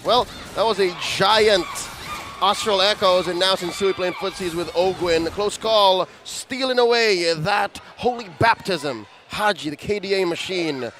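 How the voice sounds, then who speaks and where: A man working as an esports caster, calling a live game in dramatic, clipped phrases with excited delivery. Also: high-pitched, measured pace, slight background noise.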